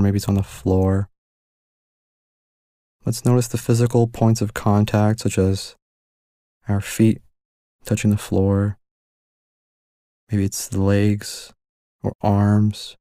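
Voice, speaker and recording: Man, meditation guide, soft and calm, mellow tone, close dry sound, unhurried phrases. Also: on the low side, creaky, no echo.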